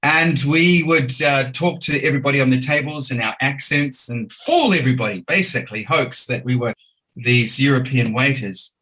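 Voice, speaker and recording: A man's voice: mid-range voice, normal speed, pushed and bright, rough recording. A man, a podcast guest telling his story in a chatty, enthusiastic way with plenty of ums. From New Zealand. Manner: chatty, enthusiastic, filler-laden. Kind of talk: casual interview storytelling.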